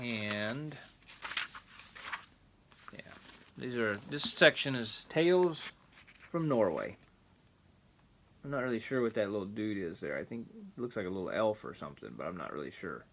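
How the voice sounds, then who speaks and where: Older guy telling a rambling grandpa story, kinda folksy, explains stuff as he reads, bright voice. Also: on the low side, sing-song, moderate pace, vocal fry, long pauses, a little hiss or hum. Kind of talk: rambling grandpa story time, reading a folk tale aloud.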